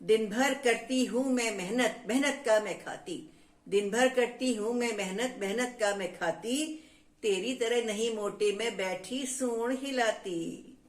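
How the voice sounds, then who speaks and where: Woman playing a tiny, proud worker ant, slow sing-song rhymes, roomy echo. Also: fairly high pitch. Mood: indignant. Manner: sing-song rhyming verse recitation. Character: small proud hardworking female ant.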